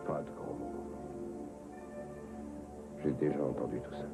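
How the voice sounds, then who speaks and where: Very deep, bitter grieving cop. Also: male voice, flat delivery, unhurried. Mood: bitter, weary. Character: grieving, bitter, despairing male police officer. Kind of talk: dubbed TV soap acting. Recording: music behind the voice.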